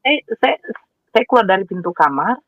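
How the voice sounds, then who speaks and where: A woman telling her personal story with animated emotion, acting out what people said and repeating words as she goes. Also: medium pitch, moderate pace, no room sound. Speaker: guest sharing her conversion story. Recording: dry, tinny phone-like sound.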